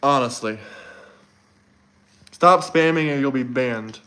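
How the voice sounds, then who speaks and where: Speaking slowly with a sharp tone and medium pitch, this young Floridian livestream host talks casually from an indoor spot in Montenegro. He responds to viewer comments in a loose, rambling way and tends to repeat himself.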